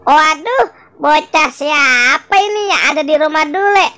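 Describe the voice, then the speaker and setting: A performer voicing Dule, a male ondel-ondel puppet from a Jakarta puppet show, fussing anxiously over a crying baby and hushing it in a sing-song voice, with a Betawi Jakarta accent. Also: high-pitched, animated, measured pace, exaggerated voice. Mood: fretful. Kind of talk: puppet show play-acting. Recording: music playing behind.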